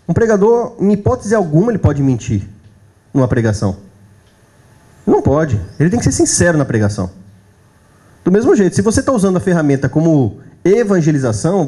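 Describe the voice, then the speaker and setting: A man with a Brazilian accent lectures at a church workshop in a fairly high, mellow voice. He keeps it conversational, turning to the audience with quick questions as he goes. The talk is given live before a gathered crowd. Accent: Brazilian Portuguese. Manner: conversational, checks in with the audience often. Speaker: workshop speaker.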